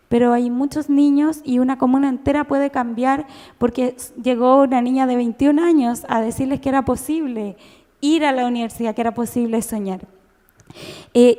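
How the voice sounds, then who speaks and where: A Chilean woman in her thirties telling her own story at a conference, emotional and animated, with many restarts. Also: sits high. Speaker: conference speaker. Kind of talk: personal testimony talk. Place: church. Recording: long reverb of a church hall.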